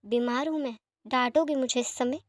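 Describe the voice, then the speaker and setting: A woman voicing a gentle, sick young man who speaks softly and apologetically, in a fan-fiction story reading. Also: high-pitched, steady tone, normal speed, no echo, close to an everyday voice. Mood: hushed. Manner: soft, hushed and apologetic.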